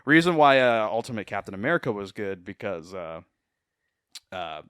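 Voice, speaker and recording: A man co-hosting a podcast, casually retelling comic book stories in an animated way, acting out the characters' lines and laughing often. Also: fairly low pitch, moderate pace, smooth, dry recording, studio quality. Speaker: podcast co-host.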